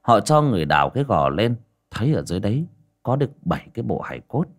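A man's voice: lowish voice, big pitch swings, quick pace. A man narrating a comic folk story in a colloquial, earthy way. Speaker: audiobook narrator.

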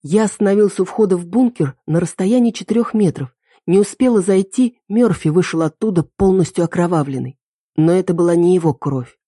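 Woman reading a story, low and dark. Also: brisk, dry recording, clean studio sound. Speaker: audiobook reader. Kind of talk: first-person fiction narration.

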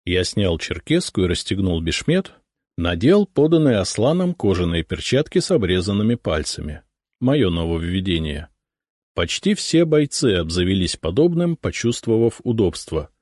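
A man narrating a first-person audiobook in a measured storytelling way with expressive intonation, close to the microphone. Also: low-pitched, no room sound.

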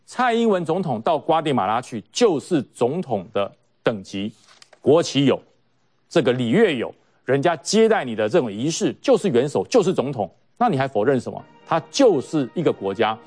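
Lively mocking commentator man. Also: mid-range voice, moderate pace. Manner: mocking, emphatic, puts on quoted voices. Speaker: political commentator. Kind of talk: animated political talk show commentary.

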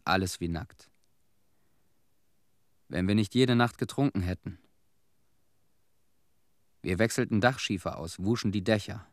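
For a German radio play, a male actor with a deep voice plays a weary, bitter former cleanup worker recalling events in a terse, sober monologue. The mood is one of sober recollection, and the studio sound is clean with no echo.

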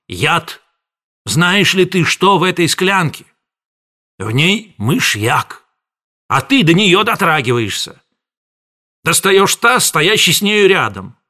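A man reading an audiobook, voicing a pompous middle-aged male pharmacist who rants and scolds in a loud, raised voice. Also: sits high, pitched above the performer's own voice, heavily acted. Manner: shouting scolding tirade.

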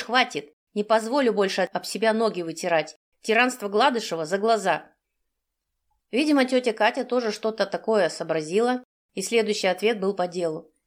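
A woman reads a first-person story aloud in audiobook style. Her delivery is tense and emotionally charged, in an ordinary mid-range voice. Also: medium pitch. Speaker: audiobook narrator.

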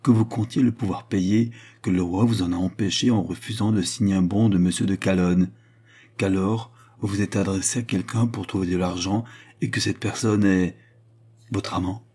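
Man reading urgent young nobleman, low husky voice, audiobook. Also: fairly even intonation, normal speed, mellow. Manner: urgent, pleading.

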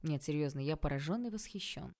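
Cocky young guy teasing, slow drawl, lowish voice, woman voicing him. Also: animated, a little mellow.

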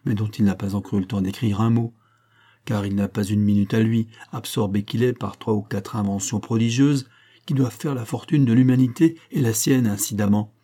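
A man reading as a painter giving calm, confiding advice. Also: lowish voice, brisk, lightly acted. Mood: amused. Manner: confiding, gently advising. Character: Parisian painter, older friend, measured and warm.

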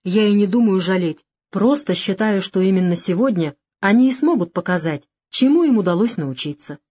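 A woman's voice: medium pitch, expressive, normal speed, dark tone, natural voice. A woman voicing a young, coquettish and anxious female companion in an audiobook. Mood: coaxing.

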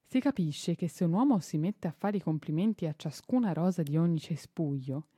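A woman reading a children's novel aloud on radio, expressive and unhurried, with small slips and self-corrections. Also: fairly low pitch, slightly rough, no room sound, studio quality. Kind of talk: storybook reading. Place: radio studio.

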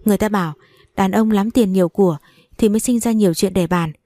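Mellow-voiced woman narrating a story. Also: mid-range voice, fast talker, dry recording, clean studio sound. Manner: storytelling, voicing angry and pleading characters in dialogue. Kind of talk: audiobook narration.

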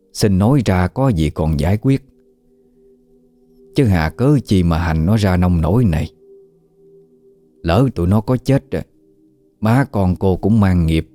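A man voicing a sharp-tongued old village shaman woman who gives stern commands. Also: deep voice.

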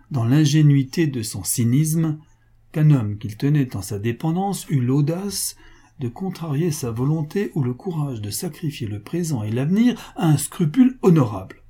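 Husky, dark-voiced male narrator. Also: mid-range voice. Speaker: audiobook narrator. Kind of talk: classic novel narration.

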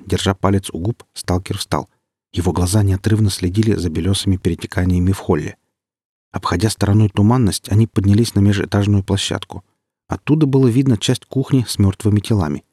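A man with a husky voice reading an audiobook in a measured way, lightly acting out the dialogue. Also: lowish voice, mellow, no room sound, studio quality. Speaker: audiobook narrator. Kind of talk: audiobook narration.

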